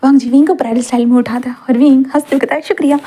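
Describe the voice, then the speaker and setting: A woman's voice: high-pitched, fairly even intonation, racing, mellow, husky. A woman storyteller narrating a romance story in a chatty, casual way, dropping English words into her telling.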